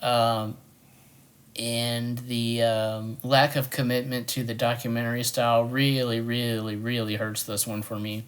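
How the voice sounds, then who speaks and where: A man's voice: mid-range voice, completely flat delivery, measured pace. A man co-hosting a film review, talking in casual, hesitant chat with lots of filler words.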